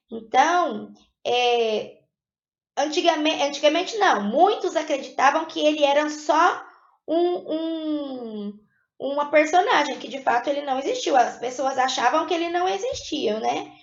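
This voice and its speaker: High, gravelly woman teaching. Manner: patient, explains step by step and keeps checking in with "tá?". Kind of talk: recorded lesson. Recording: echoey room, dull lo-fi sound.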